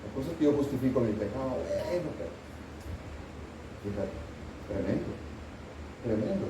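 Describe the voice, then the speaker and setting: Earnest pastor preaching in an echoey church. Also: male voice, mid-range voice, lively intonation, moderate pace, recorded from a distance, noisy background. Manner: earnest, asks the congregation questions. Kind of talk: sermon. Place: church sanctuary.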